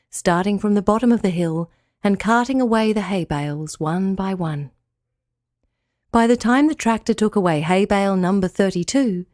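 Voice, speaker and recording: A woman narrating a children's audio story in an expressive, storytelling way. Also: medium pitch, no room sound, clean studio sound.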